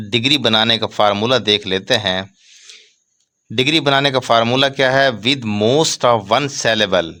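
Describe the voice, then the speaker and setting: A man teaching English grammar in a lecture, speaking slowly and deliberately and spelling out letters and reading rules word by word. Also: mid-range voice, bright, forceful tone.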